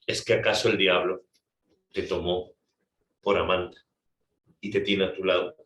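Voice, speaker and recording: A man voicing a tormented young man who laments in a soft, hushed voice. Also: low voice, little pitch movement, unhurried. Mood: lamenting. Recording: roomy, distant mic.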